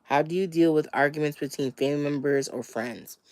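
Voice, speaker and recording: A woman's voice: deep voice, fairly quick, darkish tone, no room sound. A slightly wheezy woman getting over a cold, chatting casually as she hosts a question-and-answer livestream in a laid-back manner. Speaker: livestream host.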